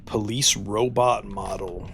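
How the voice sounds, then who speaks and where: A man's voice: lowish voice, steady tone, slow, gravelly, fairly bright tone. A man giving casual, wry gameplay commentary, ranting and swearing freely. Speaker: gaming YouTuber.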